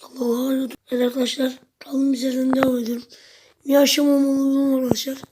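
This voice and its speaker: High, flat-voiced woman narrating her gameplay. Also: quick pace, noisy background. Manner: chatty, talks to herself and viewers, sudden loud outbursts. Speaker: gameplay video host. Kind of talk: casual gameplay commentary.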